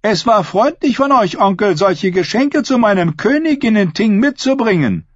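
A man's voice: high-pitched, animated, normal speed, dry recording, dull audio, voice pushed up. A man voicing a bold, mocking young woman who teases a crowd of sea captains in an audiobook. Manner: teasing, cocky, commanding.

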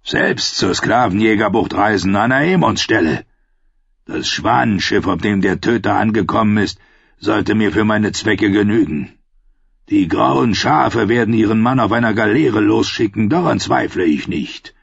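A cynical old archmaester speaks with dry, unhurried menace, as a male reader puts him on. His voice is low and gravelly with a husky edge. The recording is dull and lo-fi with no room sound. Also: animated, no echo, heavily acted. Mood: sardonic.

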